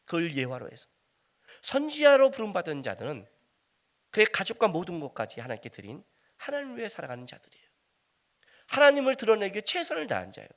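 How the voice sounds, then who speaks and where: A middle-aged male pastor delivering a sermon in a conversational, animated way. His voice sits high and swings widely in pitch as he throws rhetorical questions at the listeners. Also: quick pace, pauses often.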